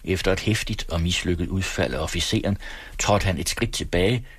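Deep, husky male audiobook reader, dry close-miked sound, steady and measured. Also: no echo. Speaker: audiobook narrator. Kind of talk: scripted narration.

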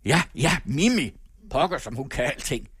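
A man's voice: medium pitch, big pitch swings, fairly bright tone, breathy edge, dry recording, clean studio sound, full character voice. A man voicing a flustered middle-aged father who grumbles, curses and sighs in exasperation in a story reading.

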